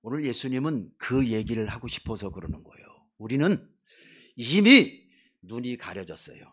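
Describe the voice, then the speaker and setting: A man's voice: medium pitch, sing-song, normal speed, a bit bright, breathy edge. A man preaching a sermon as a missionary pastor, emphatic, full of rhetorical questions and playful asides to his congregation in a church. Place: church sanctuary before a congregation.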